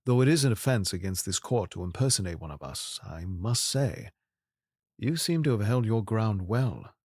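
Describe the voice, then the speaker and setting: An actor in an audio drama playing King Arthur as a troubled, regal and earnest ruler who speaks in formal, measured courtly phrasing. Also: on the low side, animated, darkish tone, husky, no room sound, studio quality. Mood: measured, reassuring.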